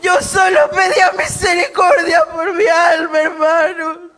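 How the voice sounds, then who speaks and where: Woman preacher, slow shouted testimony, bright piercing tone, fervent. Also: very high-pitched. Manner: shouting, fervent, tearful pleading. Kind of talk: impassioned spoken testimony.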